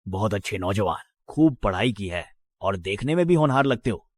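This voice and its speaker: An authoritative visiting mayor. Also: male voice, fairly low pitch, expressive, no echo, clean studio sound. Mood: measured. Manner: measured, authoritative. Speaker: dubbing actor. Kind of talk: Hindi drama dub.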